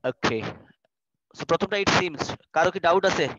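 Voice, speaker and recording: A man's voice: high voice, measured pace, dull audio, noisy background. A man with a Bangladeshi Bengali accent teaching an online class, explaining in a chatty way and dropping in English phrases. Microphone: video call.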